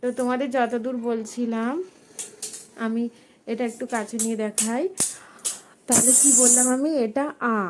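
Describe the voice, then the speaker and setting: A woman teaching at home, speaking casually and patiently, repeating letters slowly and drawing out the sounds. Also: fairly high pitch, level tone, noisy background. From India. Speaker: teacher of a language lesson. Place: home, with her small son nearby.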